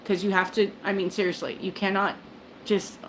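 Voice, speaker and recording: A woman's voice: medium pitch, flat delivery, moderate pace, a little hiss or hum, rough recording. An older woman hosting a casual livestream chat, rambling along with lots of fillers, restarts and little laughs. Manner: rambling, chatty, self-interrupting with fillers and laughs. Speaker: livestream host. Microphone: phone.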